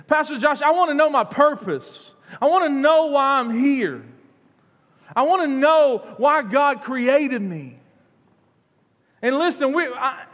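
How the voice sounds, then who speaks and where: A man's voice: very high voice, a bit bright. A man, preaching a sermon in earnest from a church stage. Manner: earnest, repeats words, paces the stage. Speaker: pastor. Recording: long hall reverb in a church.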